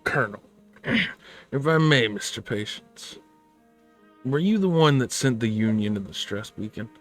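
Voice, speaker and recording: Man putting on a courteous, halting snake-like voice. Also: mid-range voice, expressive, faint music behind, natural voice. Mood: formal, probing. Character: Southern-sounding male mech pilot with a snake voice, polite.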